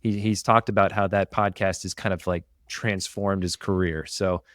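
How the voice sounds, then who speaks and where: A man co-hosting a business podcast, explaining marketing examples in a steady, detailed, casual way. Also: sits low, moderate pace, dry recording, clean studio sound. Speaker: podcast co-host.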